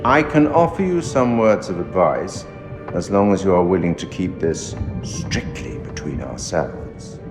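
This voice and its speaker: For a horror game's narrator, a curator of sinister tales, a male actor gives a theatrical scripted monologue that's formal, measured and ominous, wry and confiding in mood. His low-pitched voice is expressive, set against orchestral music in a long, echoey reverb.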